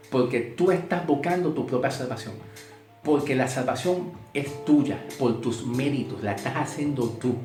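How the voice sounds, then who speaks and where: A man teaching a Bible sermon, emphatic, repeating key words and asking rhetorical questions. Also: a little high. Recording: echoey room with guitar music. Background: guitar music.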